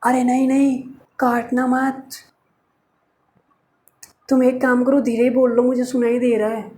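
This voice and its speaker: A man's voice: extremely high pitch, flat delivery, unhurried, dark tone. A man doing a lovesick young man pleading on the phone. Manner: pleading, eager.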